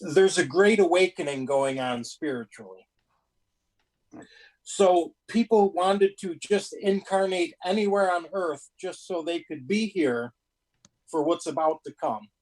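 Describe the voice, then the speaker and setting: Folksy man with a higher-pitched voice. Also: measured pace, a little mellow, poor audio. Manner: folksy, colloquial, rambling. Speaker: panelist on a paranormal live show. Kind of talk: casual chat.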